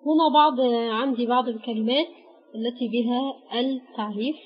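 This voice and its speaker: A woman with an Egyptian accent teaching an Arabic grammar lesson, patiently naming letters one by one with pauses. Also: a little high, breathy edge. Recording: dull lo-fi recording.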